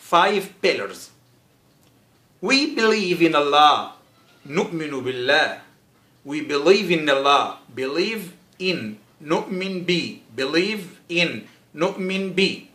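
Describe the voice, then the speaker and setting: An Egyptian man teaches vocabulary with a bright, slightly high voice. He stretches each English word out slowly and says it again and again. The room gives his voice a roomy echo. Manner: says English words very slowly and repeats them, then explains quickly. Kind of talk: vocabulary lesson with slow repetition.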